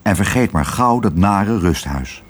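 A man's voice: low voice, animated, unhurried, slightly rough, full character voice. A man doing a kindly old shopkeeper.

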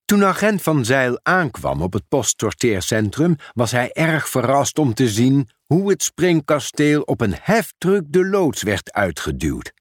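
Slow, expressive male storybook narrator. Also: medium pitch, no room sound, studio quality. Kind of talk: children's storybook reading.

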